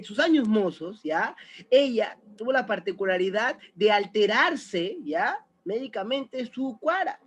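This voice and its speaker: A man's voice: very high voice, fairly bright tone. A man teaching a recorded biology lesson, chatty and often checking in with the student. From Peru.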